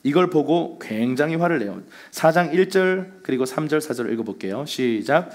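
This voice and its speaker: A man's voice: on the high side, expressive, moderate pace. A man preaching a Sunday sermon as pastor, telling the story with energy and acting out the lines he quotes.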